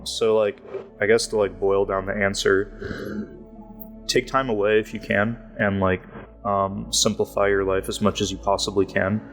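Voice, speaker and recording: A man talking casually as a podcast guest, rambling and filling his speech with "like". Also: fairly low pitch. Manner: rambling, heavy use of "like" fillers. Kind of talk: casual interview talk.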